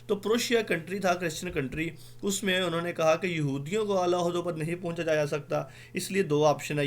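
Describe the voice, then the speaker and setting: A man with a voice on the high side teaches an exam-prep lecture in an online class. He explains slowly, with many fillers, spelling out words letter by letter.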